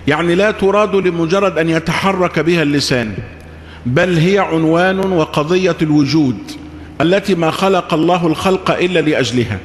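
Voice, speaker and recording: A man's voice: sits high, reverberant, in a large hall, slight background noise. A man preaching a Friday sermon. He explains step by step, repeating phrases and asking rhetorical questions.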